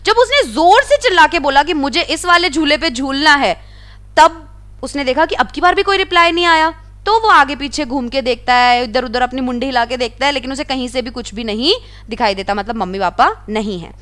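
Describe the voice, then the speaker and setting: Woman teacher with a high voice: reads textbook lines slowly, then explains them plainly. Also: fairly bright tone. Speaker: English teacher. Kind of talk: explaining a textbook lesson in Hindi.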